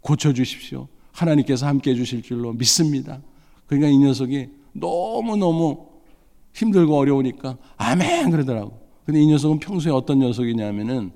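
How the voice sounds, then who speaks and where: A man's voice: mid-range voice, warm tone. A middle-aged male pastor preaching, telling a humorous family story and acting out the dialogue. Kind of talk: sermon with storytelling. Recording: long hall reverb.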